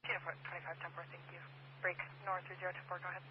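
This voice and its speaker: A man working as police dispatcher, speaking over a two-way police radio in brisk, clipped codes. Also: sits high, completely flat delivery. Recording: muffled radio transmission with static.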